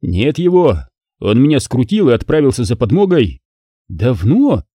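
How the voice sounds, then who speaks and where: A desperate male crook, voiced by the narrator, pleads and wheedles to be untied. The tone is darkish and mellow. The recording is close and dry. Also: mid-range voice, very animated, normal speed, slightly rough, no echo. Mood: desperate pleading.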